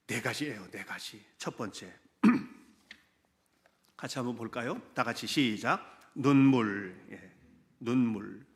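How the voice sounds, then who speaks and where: A man preaching a Sunday sermon as pastor, animated and conversational, often asking the congregation direct questions. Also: mid-range voice, slow, long pauses.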